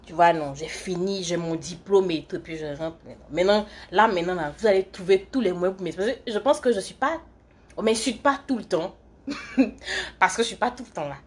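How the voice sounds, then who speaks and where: A woman's voice: fairly low pitch, moderate pace, breathy edge. A young woman from Côte d'Ivoire, chatting casually on a livestream, answering comments in a rambling way while doing her makeup. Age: young adult. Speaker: live streamer and student.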